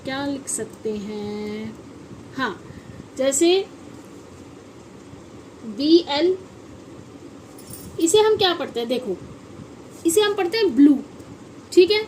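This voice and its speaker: A high-voiced woman runs a phonics lesson, taking her time as she spells each word out letter by letter. She keeps asking the children what a word says, then answers herself. A faint hiss of background noise sits under her voice. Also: expressive, slow pace, pauses often, a little mellow. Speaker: English phonics teacher. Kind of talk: classroom-style phonics lesson.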